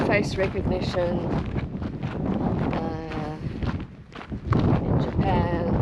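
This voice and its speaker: High voiced guy chatting slow and hesitant on a hike, super windy noisy audio. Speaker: vlog co-host. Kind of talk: casual chat while hiking. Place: outdoors on a walking trail. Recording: very noisy, windy outdoor recording. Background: loud wind and outdoor noise.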